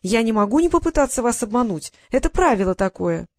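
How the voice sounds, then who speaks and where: A woman's voice: mid-range voice, brisk, a little mellow, natural voice. A woman voicing a cunning, boastful male genie who turns flustered and wheedling, in an audiobook reading. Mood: pleading.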